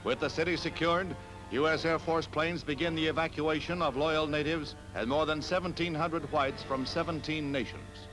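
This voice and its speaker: A man's voice: a little high, fairly even intonation, moderate pace. A man giving grave, dramatic announcer narration for an old 1960s archival newsreel. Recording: narration over loud newsreel music.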